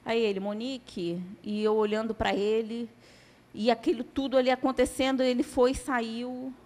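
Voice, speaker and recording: A woman's voice: fairly high pitch, little pitch movement, normal speed, darkish tone. A woman giving a church testimony as a sermon, telling her story dramatically and acting out the dialogue.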